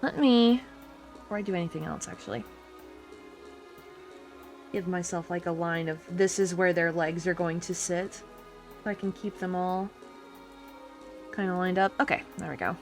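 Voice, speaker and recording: A young woman streaming casually while she draws, chatting to viewers, giggling and muttering quietly to herself as she works. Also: on the low side, moderate pace, long pauses. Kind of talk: casual art stream chat. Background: faint music.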